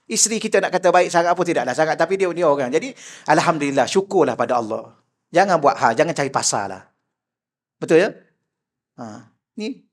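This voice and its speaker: Jovial older Malaysian man preaching. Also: on the high side. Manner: jovial storytelling, acts out quoted voices, laughs often. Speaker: religious teacher. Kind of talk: mosque lecture.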